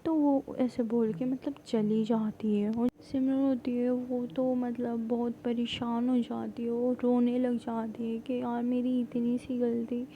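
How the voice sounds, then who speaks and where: A woman casually retelling a drama plot, rambling with many fillers and halting restarts. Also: on the high side, level tone, phone-quality sound, a little hiss or hum. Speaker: storyteller recapping a drama plot.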